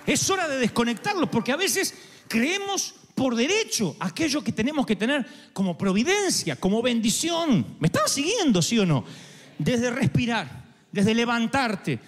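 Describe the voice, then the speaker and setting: A man preaching a sermon to an audience, animated, acting out the voices of God and of people, and talking straight to the crowd. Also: very high-pitched. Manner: addresses audience directly. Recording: long hall reverb with faint music.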